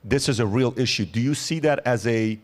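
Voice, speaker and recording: A man in his forties with a mid-range voice hosts a podcast, speaking a little fast. He builds up long interview questions full of fillers before actually asking them.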